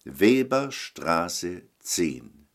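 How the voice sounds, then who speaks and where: Slow, deep-voiced man preaching. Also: very animated. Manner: warm, pleading, addresses listener directly. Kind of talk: recorded telephone sermon.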